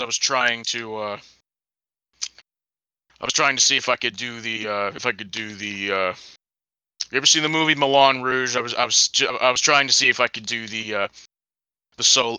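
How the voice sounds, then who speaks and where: A man's voice: mid-range voice, sharp tone, clean tone, no room sound, poor audio. A man co-hosting a satirical comedy podcast, rambling and stammering with repeated words. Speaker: podcast co-host.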